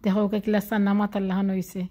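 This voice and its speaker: Mellow Sylheti-accented woman cooking vlogger. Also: medium pitch, little pitch movement, rapid-fire. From Sylhet, Bangladesh. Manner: chatty, explains each step while grinding on a stone. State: feeling unwell. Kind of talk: casual cooking vlog narration.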